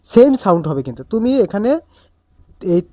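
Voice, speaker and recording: Female music teacher, patient coaching, chants drum syllables in rhythm, warm low tone. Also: sing-song, normal speed, dry recording. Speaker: tabla teacher. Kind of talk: music lesson instruction.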